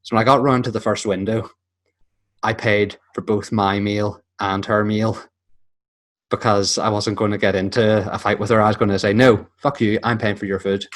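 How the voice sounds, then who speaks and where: A man's voice: fairly low pitch, flat delivery, moderate pace. A man, co-hosting a podcast in casual chat, swearing freely and acting out the voices of people in his stories. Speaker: podcast co-host.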